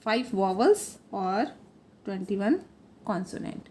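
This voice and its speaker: A woman's voice: medium pitch, sing-song, a little slow, darkish tone, a little hiss or hum. A woman teaching a phonics lesson for children, patiently sounding letters out one by one and correcting her own slips as she goes.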